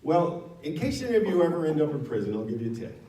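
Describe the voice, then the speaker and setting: A man's voice: a little high, very animated, quick pace, warm tone, slight background noise. Man telling a story in an echoey hall. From Nevada. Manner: conversational, frank, self-correcting. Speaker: guest speaker. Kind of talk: storytelling talk to an audience. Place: town hall meeting room. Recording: echoey room from far off.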